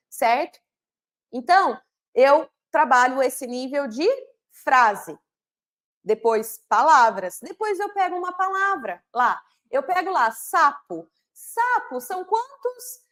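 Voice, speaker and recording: High-voiced teacher lady, slows way down to spell out sounds then rushes, keeps saying né? certo?. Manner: didactic, slows down to sound out syllables and phonemes; fast bursts with frequent "né?" and "certo?" checks. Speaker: literacy teacher trainer. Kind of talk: recorded online lesson.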